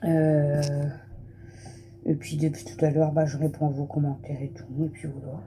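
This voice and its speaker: A woman's voice: low-pitched, little pitch movement, moderate pace, noisy background. A woman in her thirties, a family vlogger chatting casually to camera at home, rambling with lots of fillers. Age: 30s. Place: at home, just out of the shower.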